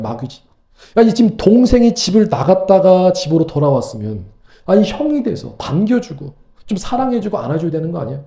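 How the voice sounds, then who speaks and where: Pastor guy preaching, animated, tons of rhetorical questions, roomy church echo. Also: high-pitched, gravelly. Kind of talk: sermon. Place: church sanctuary.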